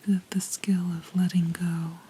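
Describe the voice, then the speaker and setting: Woman giving a slow, whispered pep talk. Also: on the low side, level tone, slight background noise, rough recording. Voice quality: soft unvoiced whisper. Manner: slow, gentle, reassuring, with pauses mid-sentence. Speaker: ASMR host. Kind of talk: ASMR whispered pep talk, comforting affirmations. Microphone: close-up microphone.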